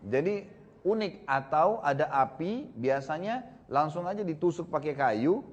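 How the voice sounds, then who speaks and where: A male religious teacher tells a story to his congregation with a somewhat high voice. He is conversational and animated, tucking casual tag fillers into his explanations. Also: unhurried, dull audio. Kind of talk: storytelling sermon.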